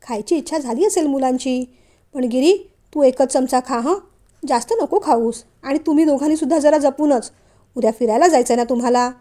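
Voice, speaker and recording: A woman voicing an anxious, soft-hearted middle-aged mother who fusses over her sons in a storybook reading. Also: high-pitched, normal speed, close to an everyday voice. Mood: coaxing. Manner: anxious, fussing.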